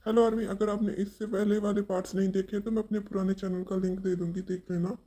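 A woman's voice: medium pitch, level tone, quick pace, mellow. A woman talking casually to her viewers, scolding and pleading with them. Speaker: YouTube storyteller.

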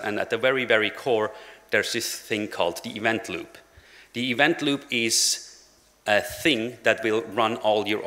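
With a lowish voice that sounds pushed and bright, a young Swiss conference speaker stands at a lectern giving a casual tech talk peppered with "uh" fillers and dry jokes. The lectern mic records him in a large hall with long reverb.

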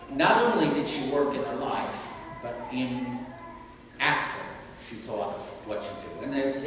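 An older man, a priest giving a homily at a pulpit, talking conversationally with fillers and restarts. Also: medium pitch. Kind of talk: sermon. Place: large church. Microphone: stand mic at a pulpit. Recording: echoey church from a distant camera.

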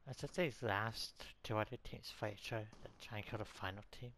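Bright-voiced Canadian man making game callouts. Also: on the low side, fairly quick, a little hiss or hum. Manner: relaxed callouts, joking and boastful. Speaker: gamer and uploader. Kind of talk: casual gameplay chat with a teammate.

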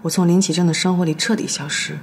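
A young actress playing a heartbroken lawyer who speaks quietly, with resignation. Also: female voice, fairly low pitch, steady tone, fast talker, slight background noise, lightly acted. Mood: firm. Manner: quiet, resigned, soft-spoken. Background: soft guitar music.

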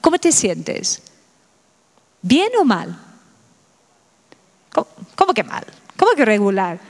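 A woman's voice: mid-range voice, very animated, takes it slowly. A middle-aged woman giving a public lecture, asking her audience many rhetorical questions. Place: lecture hall in Madrid. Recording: reverberant hall recording.

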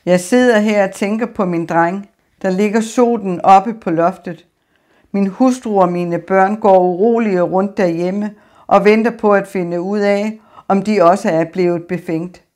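A woman's voice: mid-range voice, a little mellow, close to an everyday voice. A woman voicing a grieving, despairing man who speaks in weary laments.

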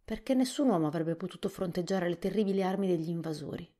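A woman reading a storybook softly, voicing a nervous, apologetic male soldier. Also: fairly low pitch, animated, fast talker, pitched above the performer's own voice. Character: timid male soldier with big whiskers.

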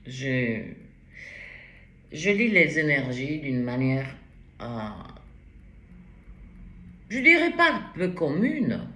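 Woman doing a tarot reading, slow and halting, bright voice, roomy echo. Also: low voice, big pitch swings. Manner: hesitant, rambling, many restarts and interjections. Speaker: tarot reader.

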